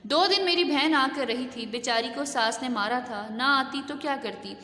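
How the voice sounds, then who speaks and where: A woman's voice: high-pitched, sharp tone, a little hiss or hum. A woman teacher voicing an aggrieved, tearful middle-aged housewife who complains shrilly, read aloud in an echoey room.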